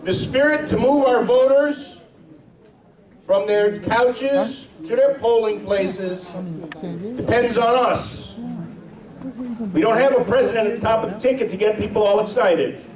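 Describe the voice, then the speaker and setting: A man's voice: high voice, darkish tone. A man giving a rousing speech to a political meeting, building his points through repetition. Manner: preacher-like repetition. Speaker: party chair giving a speech. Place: large hotel ballroom. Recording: echoey ballroom heard from far off.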